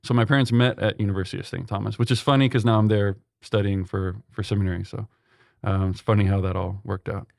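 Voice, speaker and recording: Earnest young Texan seminarian, low voice. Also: male voice, steady tone, fast, gravelly, a little mellow, dry recording, clean studio sound. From Texas, USA. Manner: earnest, many ums and restarts. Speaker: seminarian guest. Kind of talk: conversational interview.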